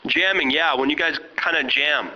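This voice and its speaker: A man interviewing a musician over a muffled speakerphone, asking halting questions full of restarts. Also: fairly high pitch. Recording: muffled lo-fi phone line, faint hiss.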